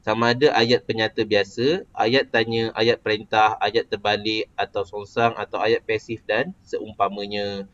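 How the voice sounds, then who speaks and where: A man's voice: fairly low pitch, little pitch movement, unhurried, few pauses, fairly bright tone. A man with a Malaysian Malay accent teaching a casual lesson, explaining patiently and quizzing a student. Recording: dull lo-fi recording.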